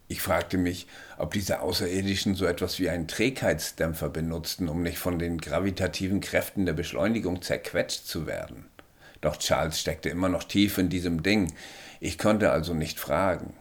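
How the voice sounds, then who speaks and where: A man with a very low voice narrates a first-person story. His audiobook reading is calm and reflective.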